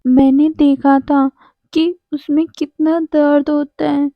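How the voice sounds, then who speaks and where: A woman's voice: high-pitched, level tone, slow, no room sound. A woman voicing a frightened, clingy young man who stammers and pleads through tears. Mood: tearful pleading. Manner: sobbing, pleading, stammering repeats. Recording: dull lo-fi dry sound.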